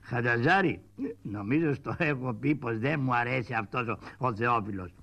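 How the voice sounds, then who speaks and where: A man's voice: mid-range voice, vocal fry, highs cut off, natural voice. A man voicing a scrappy, cheeky male shadow-puppet trickster in a shadow-puppet play. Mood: mocking. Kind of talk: shadow-puppet theatre acting.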